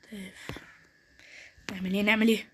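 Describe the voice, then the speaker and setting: A young woman with an Egyptian Arabic accent giving live gameplay commentary, excitable and trash-talking in short bursts. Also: medium pitch, fast, slight background noise. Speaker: gaming streamer.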